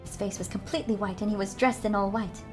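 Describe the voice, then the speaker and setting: A woman reads a fairy tale aloud in a gentle, mid-pitched voice, pausing for chatty asides to her viewers. Faint music plays behind her. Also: steady tone. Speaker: streamer reading a book aloud. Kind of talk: storybook narration with casual chat.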